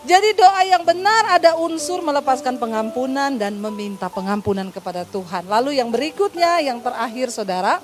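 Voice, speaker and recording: A woman pastor delivers a sermon in a high voice, telling stories with lively humor. She acts out every conversation herself and plays both sides. Faint music sits under her voice. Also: moderate pace, few pauses.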